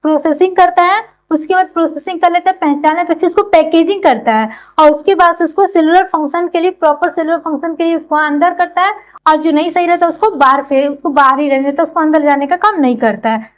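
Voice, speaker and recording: A woman's voice: very high voice, quick pace, poor audio. A woman teaching biology, who keeps asking and answering her own questions and explains with everyday comparisons. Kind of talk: explanatory classroom lecture.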